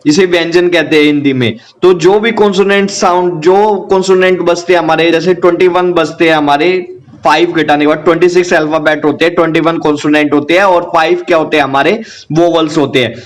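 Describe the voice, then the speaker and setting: High-voiced man teaching, asking and answering himself. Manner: asks questions and answers them himself, repeats key points. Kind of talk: classroom grammar lesson.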